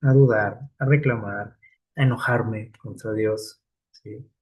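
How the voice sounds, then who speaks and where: A man's voice: lowish voice, fairly even intonation, slow pace, a little mellow, slightly rough. A man preaching a casual, conversational sermon, full of fillers and tag questions to his listeners.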